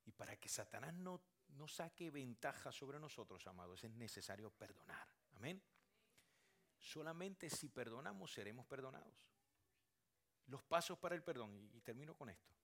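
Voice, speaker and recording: A man preaching a sermon as pastor, swinging from hushed, almost whispered lines to loud, shouted climaxes and repeating key phrases for emphasis. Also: mid-range voice, very animated, normal speed.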